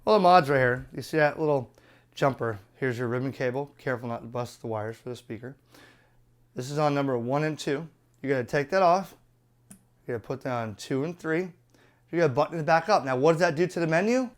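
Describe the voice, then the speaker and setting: A man gives a casual, unscripted hands-on product review, explaining step by step in blunt, colloquial language. His voice is medium-pitched and a little fast.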